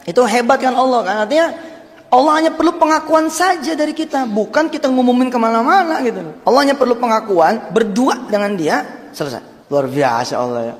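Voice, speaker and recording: A man preaching a sermon, telling stories in a lively way and swinging from loud emphasis to hushed, confiding tones. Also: very high voice. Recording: long hall reverb.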